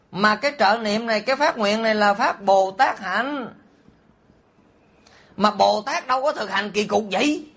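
A man, a Buddhist monk preaching a sermon. He is animated and teasing, and often puts rhetorical questions to his listeners. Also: high-pitched. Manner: teasing and humorous.

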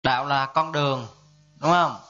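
A man's voice: medium pitch, steady tone, normal speed, bright, forceful tone, faint music behind. A Buddhist monk teaching a dharma lesson in a conversational way, often asking his listeners to confirm. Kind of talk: dharma class lecture. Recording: dull lo-fi sound.

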